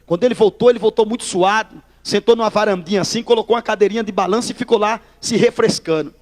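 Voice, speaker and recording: A man's voice: high voice, fast talker, big-room sound. A man from Northeast Brazil, telling his testimony in a sermon, acting out the dialogue as he goes. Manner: lively storyteller acting out dialogue, addresses listeners as brother. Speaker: preacher giving testimony.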